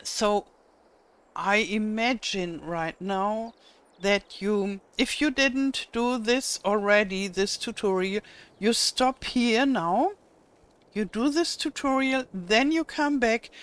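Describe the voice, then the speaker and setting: An older woman whose first language is German hosts a casual game tutorial, speaking with a German accent at medium pitch. She patiently walks viewers through it step by step, hesitating slightly and often.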